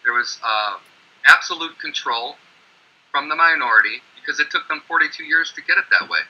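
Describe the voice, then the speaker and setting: A man's voice: on the high side, a little fast, bright, forceful tone, slightly rough, lo-fi sound. A man speaking emphatically in an online panel discussion, brushing off opposing claims.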